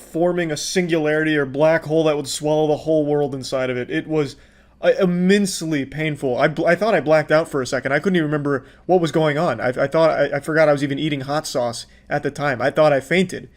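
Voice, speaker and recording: A man recounting a painful experience with deadpan, over-the-top exaggeration. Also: on the high side, fast talker. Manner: hyperbolic, deadpan storytelling. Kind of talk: recounting commentary.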